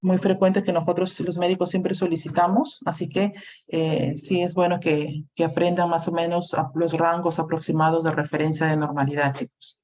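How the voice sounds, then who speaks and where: A woman's voice: lowish voice, little pitch movement, normal speed, darkish tone. A woman lecturing a university class over a video call, explaining steadily and checking in with the students as she goes. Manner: explains plainly, checks in with "¿no?", "¿sí?" and "este" fillers. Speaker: university clinical lab lecturer.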